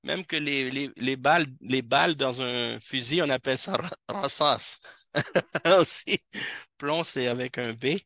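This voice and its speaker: A man's voice: medium pitch, unhurried, pushed and bright, no room sound, clean studio sound. A man teaching a classroom language lesson as an Arabic teacher, patiently repeating each word several times, recorded in a mosque classroom.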